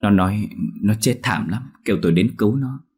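Tearful old countrywoman in a ghost story, husky low voice, a male narrator voicing her. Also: fairly quick, a little mellow. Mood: pleading. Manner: tearful, pleading. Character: frightened old village mother.

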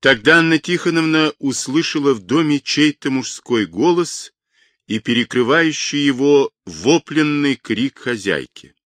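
A man narrating a literary novel in a measured, dramatic reading voice. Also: medium pitch, animated, dry recording. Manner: measured, dramatic reading that rises for quoted shouts. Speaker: audiobook narrator.

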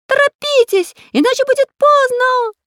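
A woman's voice: very high-pitched, normal speed, a bit bright, no room sound, clean studio sound, pitched above the performer's own voice. A woman voicing a sneaky male parrot who screeches shrilly for help. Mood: shrieking.

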